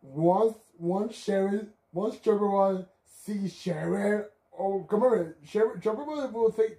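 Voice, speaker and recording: A man's voice: high voice, slow, warm tone. A man hosting a watch-along stream, chatting casually and rambling with many restarts. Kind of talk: casual reaction chat.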